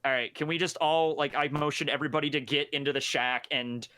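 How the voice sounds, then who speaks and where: A man playing a tabletop game, chatting casually with an excitable, sweary manner. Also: a little high, fast talker, smooth.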